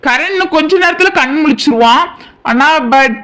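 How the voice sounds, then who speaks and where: Cartoon doctor, calm and slow, high voice, woman voicing. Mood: measured. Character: hospital doctor, calm and measured.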